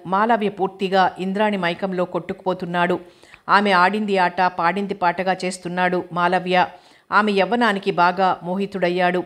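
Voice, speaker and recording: A woman narrating a novel as an audiobook reader, in a steady, measured storytelling manner. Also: lowish voice.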